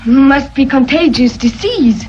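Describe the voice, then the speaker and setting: A coy French governess. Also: female voice, high voice, animated, a little slow, dark tone, a little hiss or hum. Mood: delighted. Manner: coy, teasing, broken English. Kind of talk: 1940s film acting. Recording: dull old film soundtrack.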